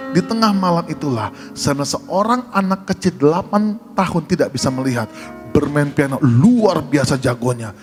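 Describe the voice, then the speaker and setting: A man's voice: medium pitch, darkish tone. A man, a pastor, telling a humorous testimony to his congregation. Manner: humorous storytelling, addressing congregation. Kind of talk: sermon testimony.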